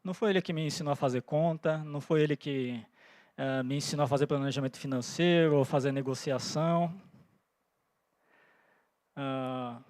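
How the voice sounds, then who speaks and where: With a fairly high, slightly mellow voice, a Japanese-born pastor in his forties preaches earnestly in church. He thinks things through aloud and keeps checking in with listeners. The recording is close and dry, with no echo.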